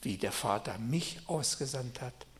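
A middle-aged man preaching a sermon. His pitch sits in the middle for a man. He moves from soft, slow scripture reading to loud, eager storytelling about his own life. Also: lively intonation, slight background noise.

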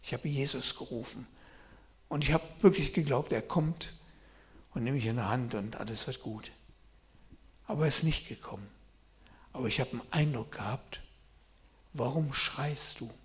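A middle-aged man preaching a sermon. He reads scripture quietly and tells his own stories loudly and with excitement. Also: medium pitch, moderate pace, long pauses. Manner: swings from quiet scripture reading to loud excited storytelling.

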